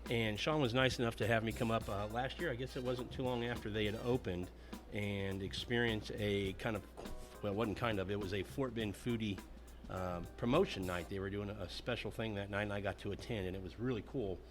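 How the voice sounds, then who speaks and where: A man's voice: on the low side, fairly even intonation, fairly quick, faint music behind. A man hosting a podcast interview on location at a restaurant, talking in a chatty, rambling, enthusiastic way. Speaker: podcast host.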